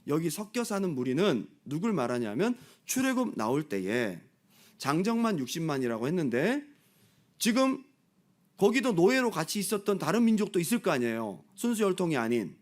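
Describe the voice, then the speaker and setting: A male pastor leading a Bible study, talking in an animated way and acting out the voices of crowds and people in the story. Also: fairly high pitch, normal speed. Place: church.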